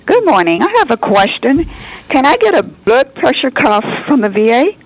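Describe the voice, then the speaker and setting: A woman's voice: high voice, big pitch swings, normal speed, slight background noise, rough recording. A woman calling in to a radio show over the phone, asking a brief, polite question. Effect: heard over the phone. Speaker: caller. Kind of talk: call-in question.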